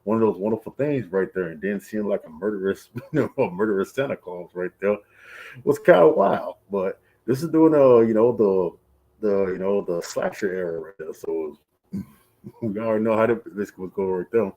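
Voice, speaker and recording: Rambling streamer muffled by a mask. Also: male voice, lowish voice, animated, moderate pace, dark tone. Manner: rambling, heavy use of fillers like "you know" and "right here". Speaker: streamer reviewing movies. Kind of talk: casual rambling stream chat.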